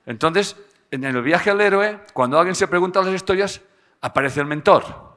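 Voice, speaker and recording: A man gives a live talk to an audience, animated and joking, often tagging his sentences with a questioning "eh?". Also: high voice, normal speed. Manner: animated, tags phrases with "¿eh?" and jokes with the audience. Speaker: speaker giving a seminar.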